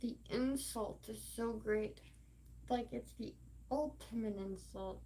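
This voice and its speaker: Brief: woman streamer, rambling and profane, slow delivery, slightly high voice. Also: warm tone, a little hiss or hum. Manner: rambling, profane, emphatic, with many fillers. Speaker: livestream host. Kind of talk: rambling livestream monologue.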